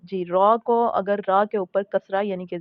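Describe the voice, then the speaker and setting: A woman teaching a tajweed lesson, patiently explaining recitation rules, repeating her points and slowly sounding out example words. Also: medium pitch, flat delivery, no room sound, narrow, tinny audio. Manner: patient, repeats points and checks in with "theek hai".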